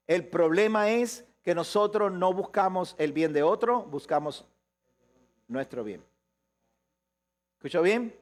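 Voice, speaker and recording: Casting: male pastor, high voice, live sermon, quick asides then slow emphasis. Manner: questions the congregation, shifts between quick asides and slow emphasis.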